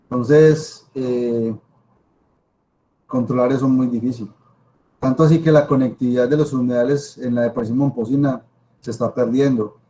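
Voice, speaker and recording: Colombian guy prof lecturing casually, mellow voice, repeats stuff for emphasis, bit of background noise. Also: medium pitch, fairly even intonation, normal speed, long pauses, poor audio. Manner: emphatic, repeats himself, asks rhetorical questions. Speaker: university professor lecturing. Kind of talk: informal spoken lecture to students.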